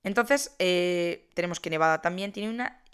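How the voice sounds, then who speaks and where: A woman's voice: lowish voice, normal speed, clean tone. A young woman, casually explaining politics in a chatty monologue, with many fillers and self-corrections.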